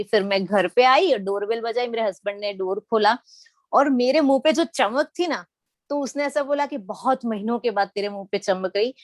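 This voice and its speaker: A middle-aged woman from Gujarat sharing her personal story in a lively storytelling manner, acting out the quoted lines. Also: on the high side, no room sound. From Gujarat, India. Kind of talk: personal testimony talk.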